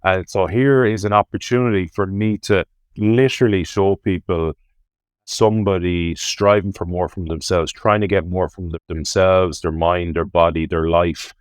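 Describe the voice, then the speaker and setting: A man with a deep voice and a west of Ireland accent speaks in a dry, echo-free space. He talks conversationally as an interview guest, reflective and earnest. He leans on key words and poses rhetorical questions to himself. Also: steady tone, normal speed, clear, resonant tone. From Galway, west of Ireland. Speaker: interview guest, ocean rowing adventurer.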